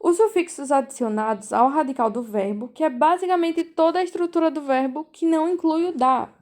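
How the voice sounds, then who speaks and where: A woman teaching a language class over a video call, explaining slowly and patiently, repeating key points and checking in with the students. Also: sits high, darkish tone. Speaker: volunteer teacher.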